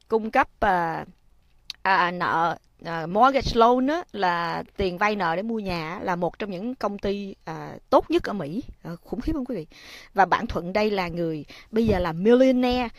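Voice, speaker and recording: A woman hosting a casual livestream talk. She turns to her viewers often and speaks gently when she gives advice. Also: mid-range voice, no echo. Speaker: livestream host.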